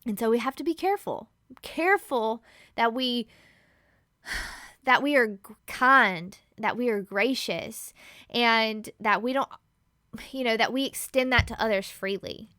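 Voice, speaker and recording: A woman giving a casual Bible teaching as a podcast host, animated and laughing often as she acts out everyday scenes. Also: a little high, unhurried, no room sound, studio quality.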